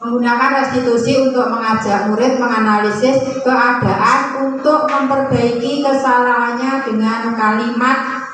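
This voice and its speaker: A woman's voice: a little high, steady tone, measured pace, fairly bright tone. Woman, teacher, explanatory, distant mic, very echoey room. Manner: explanatory, acts out scolding and friendly teacher lines. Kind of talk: presenting to fellow teachers. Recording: echoey room from far off, faint noise.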